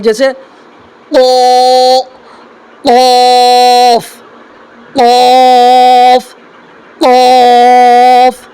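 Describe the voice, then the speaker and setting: A male Quran teacher giving a beginners' lesson, drawing out each Arabic letter slowly and then explaining it with repeated questions. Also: very high voice.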